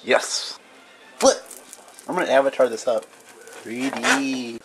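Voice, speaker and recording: Music plays under a young man's mid-range voice as he speaks slowly. He's a vlogger filming a home video in his kitchen with a handheld camera mic, full of teasing, wisecracking banter.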